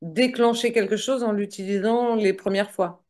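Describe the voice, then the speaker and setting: An interviewer guides the conversation. They speak in brief acknowledgements and follow-up questions at a middle pitch. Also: fairly even intonation, moderate pace, darkish tone.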